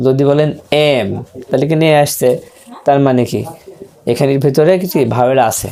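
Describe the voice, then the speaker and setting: Male teacher, mellow voice, patient drilling lesson, keeps repeating letters for the class. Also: medium pitch, steady tone, a little fast. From Bangladesh. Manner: asks rhetorical questions, drills pronunciation by repetition. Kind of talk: grammar lesson for beginners.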